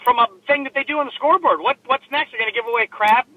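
A man co-hosting a casual sports chat over a low quality remote stream from a laptop in his car, talking in a joking, chatty way with plenty of filler words. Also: racing, husky, no echo, narrow, tinny audio. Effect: low quality remote stream audio. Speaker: sports podcast co-host. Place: inside a parked car. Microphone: laptop microphone.

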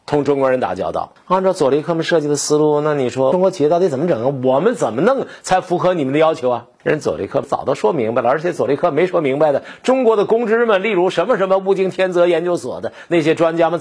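Male commentator, husky, animated delivery, combative monologue with rhetorical questions. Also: fairly high pitch. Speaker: political commentator.

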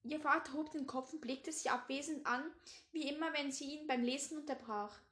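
A teenage girl with a high voice reads a novel aloud at her own unhurried pace. She trips over words now and then and goes back to fix them. Between passages she rambles casually to her listeners. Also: a bit bright. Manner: stumbles and restarts on words. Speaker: reader.

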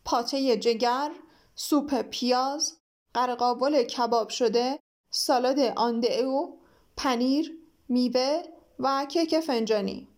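A woman's voice: sits high, lively intonation, darkish tone. A woman reading a story aloud and voicing an impatient, commanding king who gives curt orders. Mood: measured. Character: bossy, impatient king of a fairy-tale court.

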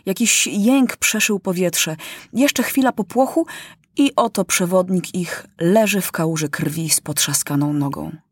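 A woman narrating an audiobook in a measured, dramatic manner. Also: on the low side, slightly rough, no room sound, studio quality. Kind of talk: audiobook reading.

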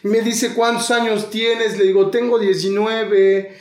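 Mexican guy in his 30s, slow intense testimony, high pitched, room echo. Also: little pitch movement, darkish tone. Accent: Mexico City Spanish. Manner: intense, slangy, relives scenes aloud. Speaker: guest sharing a recovery testimony. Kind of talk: emotional personal testimony.

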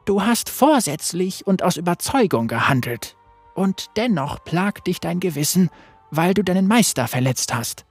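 A husky-voiced narrator playing a stern veiled female spirit who judges and punishes, speaking in a cold, piercing way. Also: medium pitch, big pitch swings, normal speed, no echo, soft background music. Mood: probing. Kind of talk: read-aloud storytelling.

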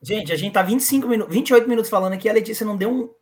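A woman's voice: mid-range voice, racing, darkish tone. A woman with a Brazilian Portuguese accent chatting casually in a group discussion, slangy and teasing. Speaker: panelist steering a group discussion.

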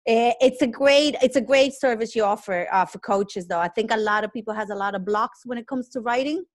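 A podcast host with a slightly high voice chats upbeat and fairly quickly with her guest in a casual interview, frequently restarting her sentences.

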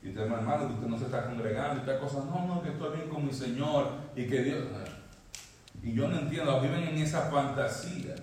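A male pastor preaching a sermon, swinging from emphatic high peaks down to low quiet lines. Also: brisk, a little hiss or hum. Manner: preaching, rising emphatically, then dropping low. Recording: echoey hall, mic at a distance.

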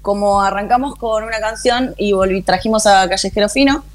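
Animated Argentine woman radio host. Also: medium pitch, brisk. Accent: Argentine Spanish. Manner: animated, slangy, acts out lyrics. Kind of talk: casual radio chat.

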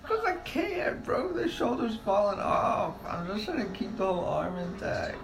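A man's voice: high voice, very animated, moderate pace, gravelly, over music, poor audio. Laid-back joking young man. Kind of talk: casual chat between friends.

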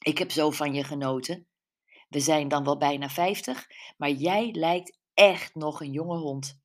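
A woman's voice: low-pitched, unhurried. A woman voicing a friendly, matter-of-fact woman in her forties in an audiobook. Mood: fond. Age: 40s. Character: friendly woman near fifty, a curious sleuth.

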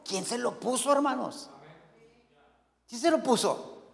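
A man with a Mexican accent preaching a fervent sermon as pastor, calling out to his brothers and sisters with lively asides. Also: very high voice, measured pace, creaky. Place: church hall. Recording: long hall reverb.

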